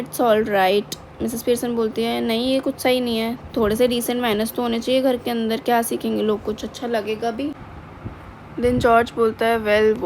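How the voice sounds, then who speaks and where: A woman's voice: fairly high pitch, slight background noise, rough recording. A woman teacher explaining a play to students, reading English lines and explaining them in Hindi.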